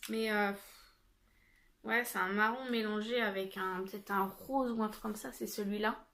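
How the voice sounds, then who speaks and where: A woman's voice: medium pitch, fairly even intonation, normal speed, fairly bright tone. A young woman chatting casually in a haul video, with lots of fillers and restarts. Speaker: haul vlogger.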